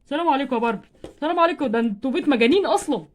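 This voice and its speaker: A woman's voice: sits high, expressive, rapid-fire. A woman with an Egyptian Arabic accent voicing a grumpy, nagging male doll husband in a toy role-play story. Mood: scolding. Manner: nagging, exasperated.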